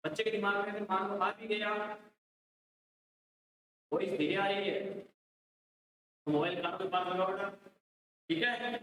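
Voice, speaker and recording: A man's voice: high-pitched, steady tone, a little slow, long pauses, a bit bright. An Indian man teaching a chemistry class online, calling his students beta and checking whether they can hear him. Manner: addresses students as beta, repeats hello mic checks. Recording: echoey distant mic, faint noise.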